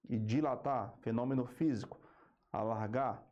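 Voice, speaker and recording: A Brazilian man teaching an exam-prep grammar lesson, slowing down to spell out key terms and checking in with a quick "ok?" between points. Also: medium pitch, dark tone, lo-fi sound. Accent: Brazilian Portuguese.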